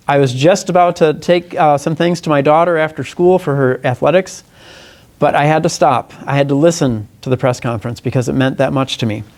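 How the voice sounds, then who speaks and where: A candidate for Congress makes a formal press conference statement, partly reading it out, in a voice that sits a bit high for a man yet has a darkish tone. His delivery is earnest and deliberate. Sometimes he stumbles and corrects himself.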